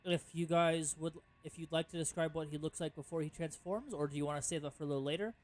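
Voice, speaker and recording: A man's voice: a little high, fairly even intonation, quick pace. A man narrating as game master of a tabletop game, rambling with many fillers and self-corrections.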